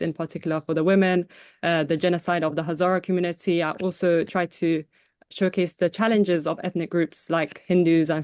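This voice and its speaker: A woman's voice: low-pitched, clean tone, no room sound, clean studio sound. A young woman from Afghanistan, a magazine founder, giving earnest prepared remarks on a webinar video call with small restarts. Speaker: magazine founder, panel guest.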